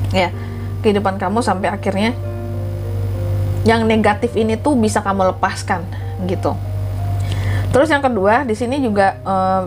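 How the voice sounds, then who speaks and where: A woman's voice: medium pitch, rough recording. Stuffy-nosed Indonesian woman reading tarot. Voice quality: congested, stuffy-nosed voice from a cold. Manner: chatty, often ending phrases with questioning tags. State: has flu with blocked nose and sore throat, clearing throat. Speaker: tarot reader and host. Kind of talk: casual tarot reading narration.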